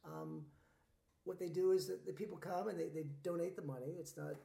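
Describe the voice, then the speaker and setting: A man's voice: fairly high pitch, steady tone, brisk, creaky, mellow, roomy sound. A man, a singer-songwriter guest, chatting casually in an interview with a rambling, laid-back way of talking. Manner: laid-back, rambling storyteller with many fillers.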